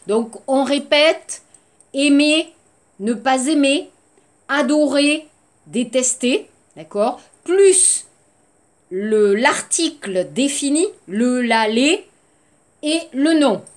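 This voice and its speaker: A woman teaching a French lesson to Korean learners, speaking slowly, repeating words and adding Korean glosses. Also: high-pitched, expressive.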